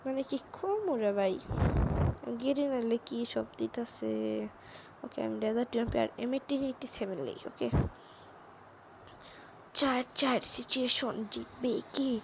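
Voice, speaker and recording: A woman with a hoarse voice from a cold, chatting excitedly through live gameplay commentary and urging viewers to like and subscribe. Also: a little high, measured pace, long pauses. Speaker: gaming YouTuber. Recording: loud game noise behind.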